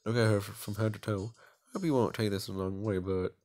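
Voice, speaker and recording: Reading aloud while casually commenting on a game, a let's play host speaks a little fast in a fairly low, slightly mellow voice with fairly even intonation. He stumbles over his words often and is quick to make fun of himself.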